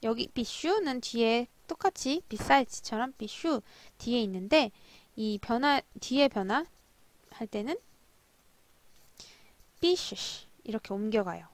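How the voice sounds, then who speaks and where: A young woman teaching Russian from drama scenes, who slowly spells out words and repeats drills. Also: a little high, lively intonation, no echo. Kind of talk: language lesson explaining drama lines.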